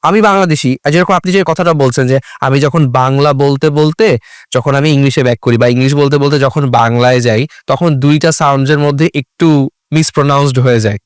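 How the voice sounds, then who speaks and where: A man's voice: medium pitch, brisk, clear, resonant tone, no room sound, clean studio sound. A man explaining English exam topics as a guest, switching between English and Bengali. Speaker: IELTS expert guest. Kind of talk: explanatory talk.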